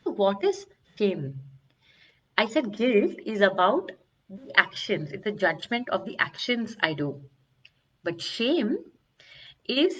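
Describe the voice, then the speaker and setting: A middle-aged woman, a wellbeing coach giving an earnest, searching talk on emotional healing. She often restarts and stretches words for emphasis. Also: medium pitch. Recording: slightly dull, lo-fi sound.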